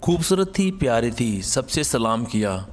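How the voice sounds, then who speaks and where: A man narrating an emotional moral story in a slow, sorrowful storytelling manner. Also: mid-range voice, very animated, faint music behind.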